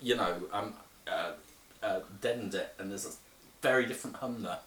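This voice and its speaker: A man's voice: lowish voice, moderate pace, fairly bright tone, reverberant, low-quality recording. A man as guest in a casual commentary chat, enthusiastic, repeating himself and stumbling into sentences.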